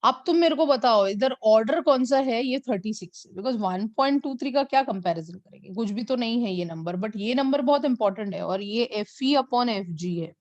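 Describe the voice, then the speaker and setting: A woman physics teacher, mixing Hindi and as she teaches an online class and slowly repeats numbers for her students. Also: fairly high pitch, lively intonation, darkish tone, no room sound, lo-fi sound. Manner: mixes Hindi and English.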